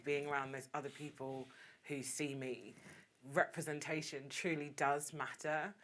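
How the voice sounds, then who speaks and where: A woman's voice: a bass voice, fairly bright tone. A woman in her late thirties speaking as a panelist on an online discussion, earnest and reflective, offering encouragement. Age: 30s. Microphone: video call.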